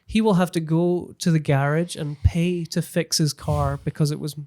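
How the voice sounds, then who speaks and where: Recorded in a small podcast studio on a close, stand-mounted mic, this thirtysomething Briton talks earnestly in a relaxed interview, backing his points with examples. His voice leans high and darkish, with fairly even intonation and a moderate pace.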